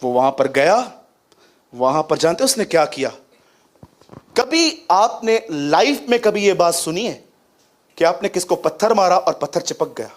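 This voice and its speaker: A man preaching a sermon, often questioning the congregation and quoting scripture with emphasis. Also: sits high.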